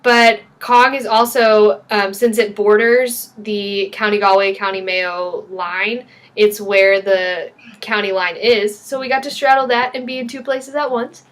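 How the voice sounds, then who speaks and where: A woman's voice: mid-range voice, fairly even intonation, unhurried. A young woman, vlogging in casual chat with an informal, loosely hedged way of talking. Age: young adult. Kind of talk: casual chat to camera with a co-host.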